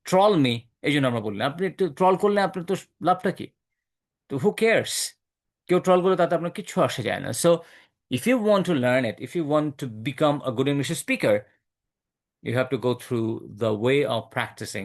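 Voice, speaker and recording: A young man with a Bangladeshi accent teaching a spoken English class, switching between Bengali and English and drilling sounds over and over. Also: on the high side.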